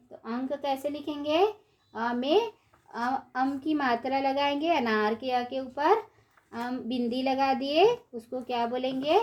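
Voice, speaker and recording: A woman teacher with a high voice, talking very slowly. She spells each word out syllable by syllable, repeats it for young learners, and asks questions that she answers herself. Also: darkish tone. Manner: asks and answers her own questions in a sing-song classroom tone. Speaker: primary school teacher. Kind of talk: Hindi phonics lesson for young children.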